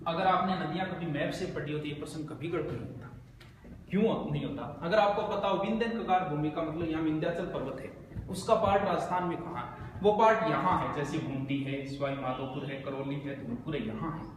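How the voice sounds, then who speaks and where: A man giving a brisk exam coaching lesson, explaining memory tricks and repeating the key points. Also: on the high side. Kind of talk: quick spoken geography lesson with memory tricks. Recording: very echoey, noisy room.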